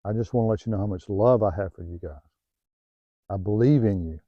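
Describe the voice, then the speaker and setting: Middle-aged Southern man, low-pitched and heartfelt, motivational vlog, dry lo-fi sound. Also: fairly quick, no echo. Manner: heartfelt, repetitive, restarts phrases, softens when personal. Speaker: self-help vlogger. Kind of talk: earnest motivational talk to camera. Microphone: new home-video mic, dull sound.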